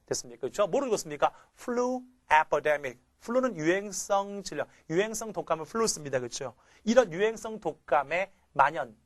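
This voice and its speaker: Korean man teaching English, fairly high voice. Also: no room sound. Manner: keeps asking rhetorical questions and tags "그렇죠?"; drills phrases by chanting them. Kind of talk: recorded English grammar lecture.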